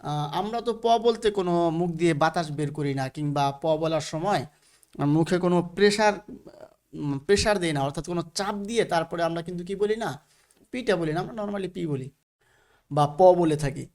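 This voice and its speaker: A man's voice: on the high side, brisk, darkish tone. A man with a Bangladeshi Bengali accent teaching English letter sounds in a recorded lesson, patiently repeating each letter with frequent fillers.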